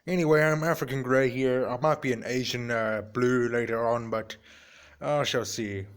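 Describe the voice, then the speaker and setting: A man voicing his pet African grey parrot as a tired, camera-shy bird with a low, subdued manner. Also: fairly even intonation, moderate pace, smooth, lightly acted.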